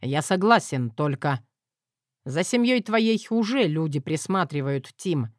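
A woman voicing a calm, protective man on the phone, low and measured. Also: no room sound, studio quality.

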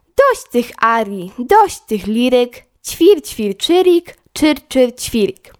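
A woman's voice: a little high, sing-song, drawn-out words, a little mellow, heavily acted. A woman voicing a cheeky little sparrow that scolds and chirps in a storybook poem. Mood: scolding.

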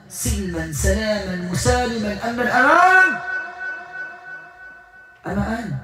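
Male ruqyah healer, higher-pitched, insistent and repetitive; echoey room, faint music behind. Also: recorded from a distance. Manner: emphatic and repetitive, swinging from loud exhortation to whispers. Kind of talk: spiritual healing session addressing a patient.

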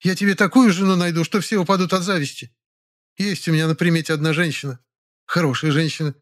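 A male audiobook reader voicing a kindly, chatty woman who soothes softly. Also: fairly high pitch, fairly even intonation, quick pace, pitched above the performer's own voice, close to an everyday voice. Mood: soothing. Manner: soft, soothing, fussing.

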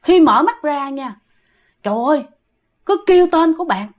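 A woman's voice: sits high, animated, moderate pace. A woman with a Southern Vietnamese accent telling a ghost story in a chatty way, often addressing her listeners. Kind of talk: casual storytelling.

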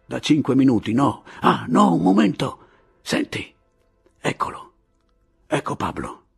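A man reading aloud, voicing a rough, impatient fighter who questions and curses urgently. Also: medium pitch, moderate pace, faint music behind, pitched above the performer's own voice, full character voice. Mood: agitated. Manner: excited, urgent, swearing.

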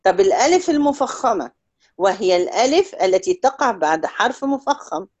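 A woman with an Egyptian Arabic accent teaching Quran recitation one-on-one, stretching example words out slowly and checking in often with short questions. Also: fairly high pitch, big pitch swings, a little mellow, lo-fi sound. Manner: drawls out example words slowly to demonstrate sounds. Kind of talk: one-on-one tajweed lesson.

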